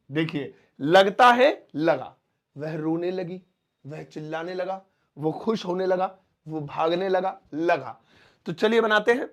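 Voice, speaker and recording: A man with a voice that sits high teaches spoken English, explaining patiently and addressing his viewers as friends. He repeats every example sentence slowly, word by word.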